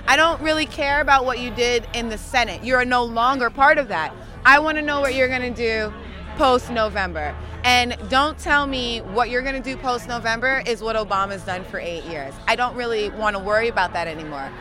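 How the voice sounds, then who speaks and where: A woman's voice: on the high side, normal speed, sharp tone, faint music behind. A young woman from Queens giving her views in an emphatic, frustrated way during a street interview. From Queens, New York. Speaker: voter. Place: outdoors on a city street.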